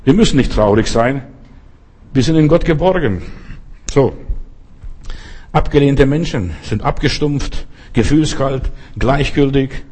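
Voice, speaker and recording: An older man, a pastor, delivering a sermon with slow, emphatic repetitions and exclamations. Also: mid-range voice, a little mellow, breathy edge.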